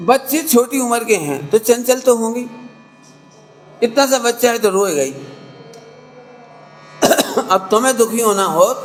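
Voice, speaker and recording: A man giving a conversational sermon to a gathering, acting out scolding parents and quoted people in a sharp rising voice. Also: high voice. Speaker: Jain preacher. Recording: echoey hall, faint hum.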